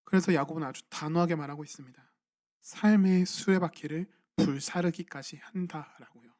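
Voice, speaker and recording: A man's voice: on the high side, fairly even intonation, moderate pace, darkish tone. A young man, a junior pastor, preaching a sermon in a church and asking his congregation questions in a conversational way. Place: church sanctuary at a midweek evening service.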